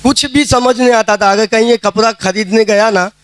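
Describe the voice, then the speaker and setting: A man's voice: high-pitched, steady tone, normal speed, no echo. A man giving a casual spoken testimony at a prayer meeting, telling his story plainly and acting out the dialogue he quotes. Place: prayer hall.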